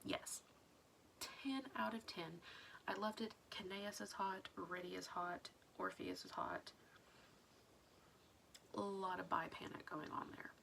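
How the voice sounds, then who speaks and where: A woman's voice: mid-range voice, fairly even intonation, measured pace, gravelly, long pauses, fairly bright tone, slight background noise. A woman vlogging casually, rambling through questions in a chatty way with many half-whispered asides. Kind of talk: casual video diary chat.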